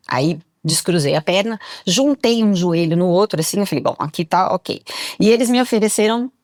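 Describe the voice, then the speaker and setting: Loud-spoken middle-aged woman, dry sound. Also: medium pitch, no room sound. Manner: talks very loudly; lively anecdotal telling. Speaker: guest, public prosecutor. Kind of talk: podcast interview storytelling. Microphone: studio mic.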